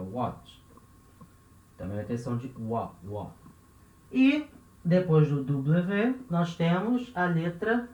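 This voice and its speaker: Brazilian male teacher, slow and patient, repeats every word, echoey dull room sound. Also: on the high side, a little mellow. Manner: patient, repeats each example word, constant "né?" checks. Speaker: language teacher. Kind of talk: classroom-style language lesson. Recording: roomy, dull lo-fi recording.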